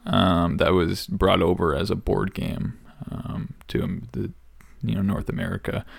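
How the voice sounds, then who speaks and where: A man's voice: sits low, a little slow, gravelly, slightly rough, no echo. A man co-hosting a podcast, chatting casually and hedging what he knows. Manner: hedging, relaxed storyteller. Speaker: podcast co-host. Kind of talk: casual chat.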